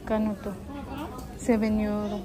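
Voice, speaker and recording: A Filipino woman films a casual shopping vlog, keeping up a chatty running commentary as she browses shops and a street market and calls her companion "Day." Her medium-pitched voice is completely flat and a little slow. Crowd chatter surrounds the recording.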